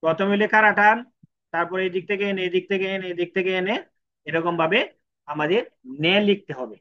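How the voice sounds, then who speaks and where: Male language tutor, high bright voice, lo-fi sound, patient stroke-by-stroke delivery. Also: brisk. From Bangladesh. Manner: repetitive, counts out each stroke. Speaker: Japanese language teacher. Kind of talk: step-by-step writing lesson. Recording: dull lo-fi recording.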